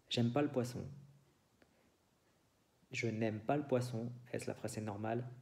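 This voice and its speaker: A man's voice: mid-range voice, gravelly, warm tone. A middle-aged man teaching a language lesson in Spanish with a French accent, repeating example phrases patiently.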